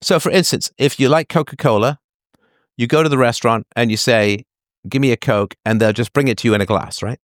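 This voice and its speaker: A man plays a call-in advice show host, speaking conversationally and explaining emphatically through analogies while often checking that the listener follows. His medium-pitched voice moves a little fast, and the recording is dry and studio-clean.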